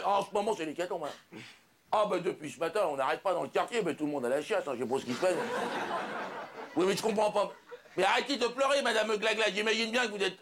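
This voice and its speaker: A man doing a blunt, worn-out doctor on a late-night house call, who chatters impatiently and throws in laughing asides. His voice is fairly high with a gravelly fry. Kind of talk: stand-up comic sketch.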